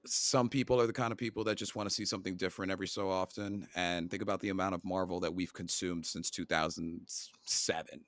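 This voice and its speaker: Low-pitched man, podcast co-host, dry close mic, emphatic and enthusiastic. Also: steady tone, fast talker, hardly any pauses, a bit bright, dry recording. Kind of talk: casual chat.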